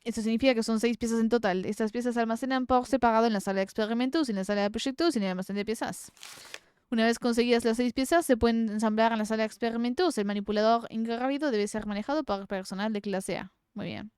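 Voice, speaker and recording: A woman streamer with a Rioplatense accent giving casual gameplay commentary, reading game text aloud and swearing in excited outbursts. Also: fairly high pitch, quick pace, smooth, no echo, studio quality. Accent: Rioplatense Spanish.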